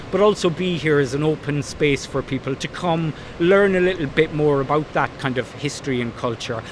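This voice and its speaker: A man with a west of Ireland accent explaining his work and plans in an interview. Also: on the high side. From Blacksod Bay, County Mayo, Ireland. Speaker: founder of a maritime heritage company. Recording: faint outdoor background noise.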